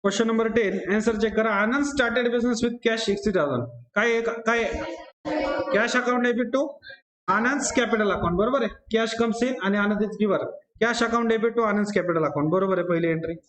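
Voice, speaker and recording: Man, Marathi accent, very high voice, classroom teacher drilling rules, echoey room. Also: normal speed, a bit bright. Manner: drills rules by repetition, quizzes students by name. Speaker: accountancy teacher. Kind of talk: classroom lecture.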